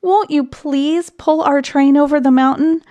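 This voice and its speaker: A woman's voice: steady tone, a little slow, dark tone. A woman voicing small, earnest, childlike dolls and toys in a storybook, pleading for help. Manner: high, pleading.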